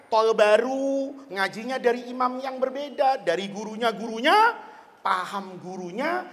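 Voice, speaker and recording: A man preaching a lively religious lecture, joking and asking the audience questions. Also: very high-pitched. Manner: animated, jokey, asks the audience questions. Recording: long hall reverb.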